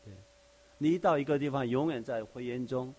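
In a mid-range, slightly mellow voice at a normal pace, a man teaches the Bible conversationally. He takes the passage verse by verse, drawing on everyday examples and often asking his listeners rhetorical questions.

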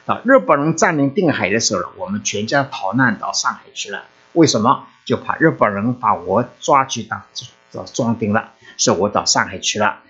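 An older man from China, telling his personal faith story to a church congregation in an animated storytelling way. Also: husky. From China, Shanghai and Zhoushan. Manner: animated storytelling, lively swings in pitch and loudness. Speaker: church member giving testimony. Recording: muffled lo-fi recording.

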